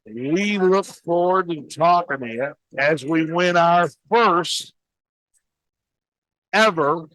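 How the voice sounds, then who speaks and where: An enthusiastic man with a St. talks in a deliberate, unhurried way, his pitch sitting a bit high. He sounds like a bar owner rallying fans in a casual chat. The sound is dry and close, with faint music underneath. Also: animated, a bit bright, no room sound, rough recording. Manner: enthusiastic, hyped-up booster. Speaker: bar owner and podcast host. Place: indoors at a bar.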